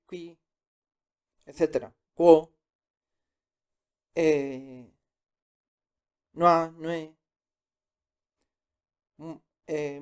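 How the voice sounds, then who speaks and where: Slow, patient man teaching sounds. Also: a little high, smooth. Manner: patient, repeats each sound twice. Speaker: Korean language teacher. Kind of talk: slow step-by-step pronunciation lesson.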